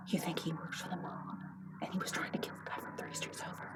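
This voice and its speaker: A woman voicing a nosy gossiping wife who pesters her husband, dropping to hushed whispers and then bursting out loud. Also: mid-range voice, expressive, moderate pace, heavy background noise, pitched above the performer's own voice, close to an everyday voice. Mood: gossipy.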